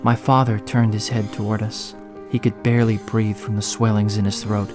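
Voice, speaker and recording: With music in the background, a man with a lowish, fairly flat voice speaks at normal speed, only lightly acting. He voices a young slum hero telling his own story in first person, with some acted dialogue, in an earnest, emotional, reflective mood.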